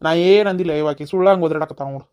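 A woman voicing a brisk, exasperated young villager in a cartoon with a North Karnataka accent. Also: deep voice, a little mellow, natural voice. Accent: North Karnataka Kannada.

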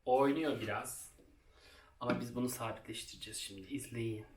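A man's voice: mid-range voice, a little fast, a little hiss or hum. A young man vlogging while he makes a craft project, telling a school story in a chatty, self-mocking way and laughing often. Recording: roomy, somewhat distant from the mic.

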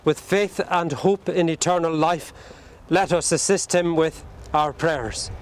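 A man leading a burial service outdoors at a cemetery, reciting the prayers in a solemn, measured way. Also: a little high, fairly even intonation, a little hiss or hum. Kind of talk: liturgical graveside prayer.

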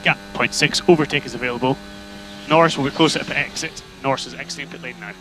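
Over noisy team radio humming with electrical interference, a race engineer talks fast in a voice on the high side. He repeats terse instructions to his driver in motor racing.

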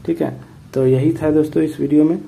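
A man explaining a repair step by step in a plain tutorial manner, often pausing to check in with viewers. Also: fairly high pitch, fairly even intonation, creaky, warm tone. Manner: plain explanatory, repeats "ठीक है" and "दोस्तों".

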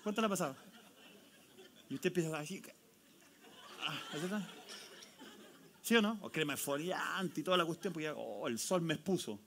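A man with a Chilean accent, a pastor preaching a sermon and leading an altar call, swinging from loud questions to hushed, intimate tones. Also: on the high side, animated, moderate pace, pauses often, a little hiss or hum. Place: church sanctuary. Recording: live church sound with loud guitar music behind. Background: guitar music.

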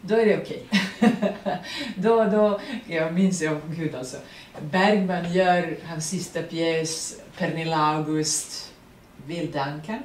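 A woman with a Serbian accent and Serbian as her first language, speaking as the guest at a public artist talk, animated, laughing often and searching for words. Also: fairly low pitch. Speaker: guest actress. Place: print workshop event room. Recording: roomy, distant mic, faint noise.

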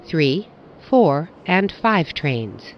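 A woman giving recorded stop announcements over a train loudspeaker, with measured, evenly spaced phrasing. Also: sits low, sing-song. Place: inside a subway car. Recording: muffled train speaker with faint car noise.

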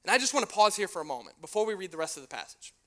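A young man preaching a youth sermon in a casual, slangy style, telling an animated story that swings between hushed moments and excited shouting. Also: high voice, rapid-fire. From United States. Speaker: youth pastor.

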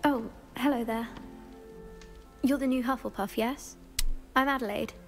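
A woman's voice: fairly high pitch, unhurried, faint music behind. A woman voicing a kind, polite young witch student in a video game. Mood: friendly, polite. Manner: polite, gentle.

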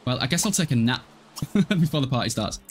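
A young man livestreams a life-simulation game from a small room at home, chatting with viewers and giving casual, irreverent, sweary commentary. His medium-pitched voice is a little fast with lively intonation, and there's noise in the background.

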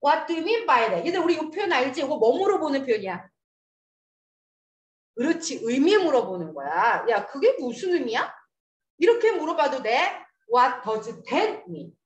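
A woman's voice: high-pitched, dull audio. A woman teaching an English lesson to a class. She coaxes the students along and drills them with questions. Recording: echoey classroom.

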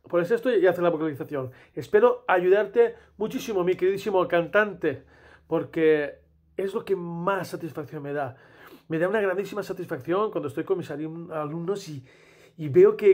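Animated Spanish tenor teaching singing. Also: male voice, a little high. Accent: Spain Spanish. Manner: animated, sings vocal exercises between plain explanation. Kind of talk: casual singing lesson with vocal demonstrations.

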